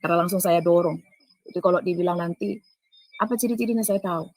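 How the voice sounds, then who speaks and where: A woman's voice: on the low side, quick pace, darkish tone, no room sound, low-quality recording. A woman giving an earnest spoken testimony. She addresses her listeners directly and acts out the dialogue she quotes. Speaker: testifying speaker.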